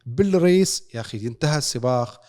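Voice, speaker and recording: Fast-talking Levantine Arabic man. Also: medium pitch, lively intonation, darkish tone. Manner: storytelling with rhetorical questions. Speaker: podcast co-host. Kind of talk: animated casual sports recap.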